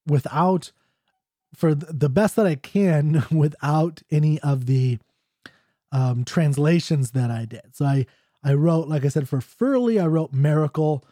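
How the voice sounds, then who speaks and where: A man's voice: a little high, measured pace, mellow, no room sound, studio quality. A man talking casually about an old ballad, then reading it aloud in a mock Scottish accent. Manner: chatty, full of "you know" and "right?". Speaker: ballad reader and explainer. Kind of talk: casual explanation and poetry reading.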